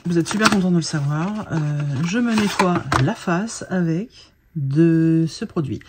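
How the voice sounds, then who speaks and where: A woman's voice: lowish voice, background noise. A tired woman vlogging in a casual, chatty way, full of fillers and restarts. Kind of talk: casual chat.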